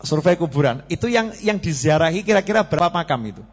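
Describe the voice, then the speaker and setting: Preaching to a live congregation, a man with a Javanese accent gives a joking sermon in Indonesian sprinkled with Javanese, often quizzing his listeners. His voice is high-leaning, animated, quick and husky. The hall recording is dull and lo-fi, with long reverberation.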